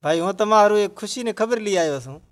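A man's voice: high-pitched, animated, fast. A man in a scripted religious dialogue, earnestly explaining his faith to a grieving villager.

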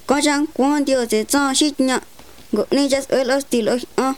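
A woman's voice: sits high, fairly even intonation, unhurried. A woman giving a religious talk and prayer in repetitive, chant-like phrases.

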